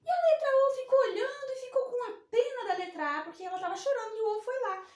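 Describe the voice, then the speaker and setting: A woman teacher, telling a story to young children in an animated, sing-song reading lesson. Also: very high-pitched, fast. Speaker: primary school teacher. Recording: echoey room, distant mic.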